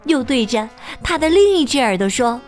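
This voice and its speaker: A woman teacher reading a children's picture book aloud, expressive and sing-song with plenty of exclamations. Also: high-pitched, moderate pace, soft background music. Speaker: storyteller teacher.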